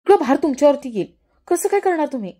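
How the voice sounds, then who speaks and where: A young husband fretting and pleading with his wife, anxious in every line. A woman reads him without dropping her voice. The tone stays a bit high and mellow. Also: very animated, racing. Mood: worried. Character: man, worried young husband.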